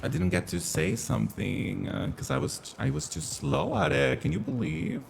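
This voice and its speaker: A man's voice: fairly low pitch, wildly swooping pitch, moderate pace, vocal fry, a little hiss or hum. A man streaming a game through a voice changer, chatting casually and campily with his viewers. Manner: chatty, campy, playful. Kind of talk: casual live-stream commentary.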